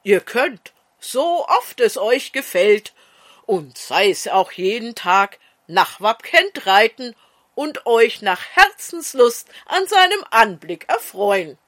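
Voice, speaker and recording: A woman's voice: fairly high pitch, very animated, slow, fairly bright tone, full character voice. A woman storyteller voicing a village mullah who coaxes and persuades. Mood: coaxing.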